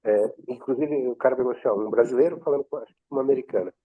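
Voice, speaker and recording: A man from Brazil talks as a student in an online class. He shares an observation haltingly and restarts often. His voice comes through a tinny, phone-like line. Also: mid-range voice, slightly rough. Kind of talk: class discussion.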